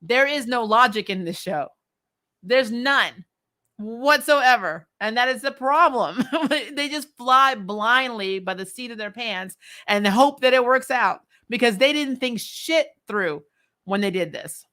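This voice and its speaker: A woman with a higher-pitched, expressive voice talks a little slowly, her tone pushed and bright. She hosts a recap livestream, chatting casually while reading and answering viewer comments, blunt and opinionated with an exasperated, giggly manner.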